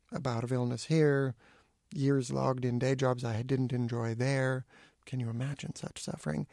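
Deadpan man reading his own essay. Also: mid-range voice, vocal fry, no echo, studio quality. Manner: acerbic, deadpan wit. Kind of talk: dry witty essay reading.

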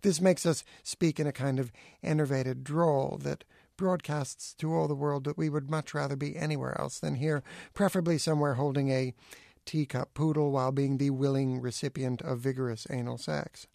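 Deadpan man reading his own essay. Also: medium pitch, normal speed, creaky, dry recording, clean studio sound. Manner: acerbic, deadpan wit. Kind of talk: dry witty essay reading.

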